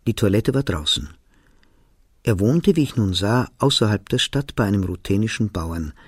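A man reading a novel aloud as narrator, telling the story in a calm, measured way. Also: fairly low pitch, slightly rough, no room sound, clean studio sound. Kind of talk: audiobook reading.

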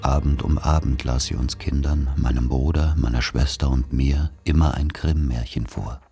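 Man, radio play narration, measured, solemn, extremely deep voice. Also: fairly even intonation, creaky, warm tone, soft background music.

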